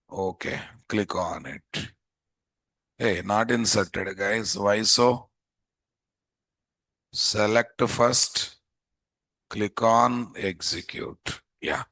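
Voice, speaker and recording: A programming instructor with a Telugu Indian accent leads a live software class, thinking out loud informally and asking his students questions again and again. His voice is lowish, and there's no echo.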